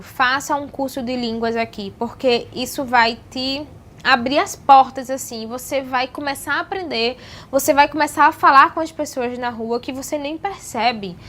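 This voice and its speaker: High-voiced woman vlogging. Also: fairly bright tone. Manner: chatty, repeats "então, assim", many fillers. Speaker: vlogger giving language-learning tips. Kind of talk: casual chat to camera.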